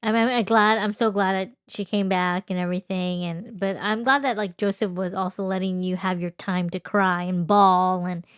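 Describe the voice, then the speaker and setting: A young woman with a medium-pitched voice chats casually in a supportive, reassuring way. She is recorded close and dry on a handheld microphone. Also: steady tone, moderate pace, hardly any pauses, smooth, dry recording. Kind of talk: casual chat. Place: small bedroom, indoors.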